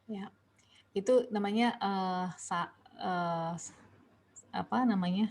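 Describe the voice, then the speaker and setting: A woman's voice: mid-range voice, slow pace, darkish tone. Young Indonesian woman leading a Bible study. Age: young adult. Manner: questioning, reads verses aloud, many restarts. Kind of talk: online Bible study discussion.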